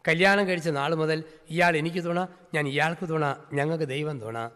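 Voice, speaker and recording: A priest voicing a blunt, weary wife. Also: male voice, fairly high pitch, moderate pace, fairly bright tone, smooth, long reverb tail, lightly acted.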